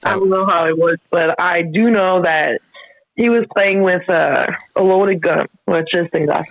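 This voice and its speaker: A woman caller with a French accent, a native French speaker, chatting casually in a hesitant, halting way. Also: on the low side, steady tone. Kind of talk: casual chat. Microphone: call-in connection. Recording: dull lo-fi call audio.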